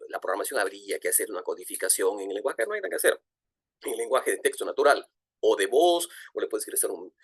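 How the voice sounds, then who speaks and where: A middle-aged man, lecturing at a virtual conference, lively and full of fillers and restarts. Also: on the low side, husky, no room sound, clean studio sound. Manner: animated, frequent fillers and restarts. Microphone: video call.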